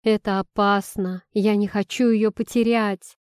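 A woman's voice: fairly low pitch, normal speed, warm tone, no room sound, studio quality, natural voice. A woman voicing a stubborn, hot-tempered young man. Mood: desperate.

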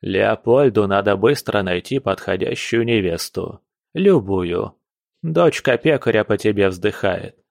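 A man's voice: lowish voice, animated, a little slow, gravelly, dry recording, clean studio sound. A man voicing a stern, commanding aristocratic father at the head of his family.

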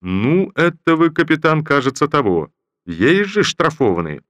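A man reading an audiobook voices an old army general, jovial and hot-tempered, barking orders and praise in a loud commanding voice. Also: a little high, sing-song, a little slow, dry recording, pitched above the performer's own voice.

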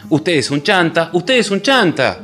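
A man's voice: medium pitch, sing-song, a little slow, faint music behind. A man voicing a brave, insistent woman companion, who repeats herself emphatically. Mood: shouting.

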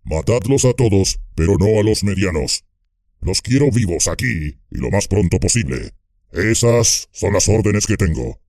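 A man voicing a gruff, domineering male orc captain in an audiobook, with a hoarse, growling voice and a blunt, commanding manner. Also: low voice, animated, unhurried, a little mellow, no echo, clean studio sound. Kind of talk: audiobook character voice.

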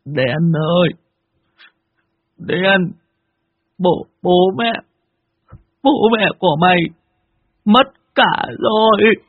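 Man doing a loud village man, thirties, high pushed voice, husky, dull recording. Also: a little fast. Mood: sobbing. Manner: loud, high and blustering, later tearful. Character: boisterous talkative rich village man in his thirties.

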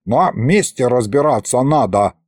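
A man voicing a self-important male ghost sorcerer who grumbles and explains gravely. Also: medium pitch, animated, unhurried, a little mellow, dry recording, studio quality. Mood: sulky.

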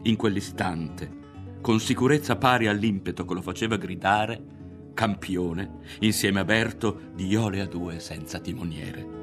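A man narrating a literary novel in a dramatic, expressive reading with voiced characters. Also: deep voice, a little slow, over music. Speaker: audiobook reader.

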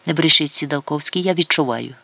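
A man's voice: a little high, fairly quick, creaky, bright, forceful tone, dry recording, soft background music, full character voice. A man voicing a reproachful, teasing woman who confronts her evasive suitor in an audiobook, with a raised, pleading tone.

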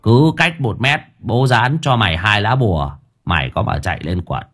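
A man's voice: fairly low pitch, normal speed, a bit bright, husky, soft background music. A man playing a boastful, crude old exorcist who talks with swaggering threats. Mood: cocky bragging.

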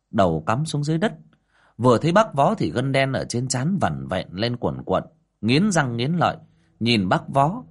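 A man's voice: mid-range voice, breathy edge. A man narrating a ghost story expressively.

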